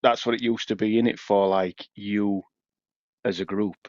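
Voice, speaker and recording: A man's voice: on the low side, fairly even intonation, normal speed, a little mellow, no room sound. A man with a broad Yorkshire accent co-hosting a podcast, telling rambling stories in casual banter. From Yorkshire, England. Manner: chatty, rambling storyteller. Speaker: podcast co-host. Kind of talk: casual pub-banter chat. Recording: dry, slightly dull podcast audio.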